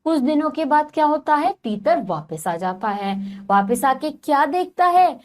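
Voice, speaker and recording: A woman's voice: high-pitched, very animated, a little slow, darkish tone. A woman teacher reading a story aloud to children, retelling each passage and asking them questions.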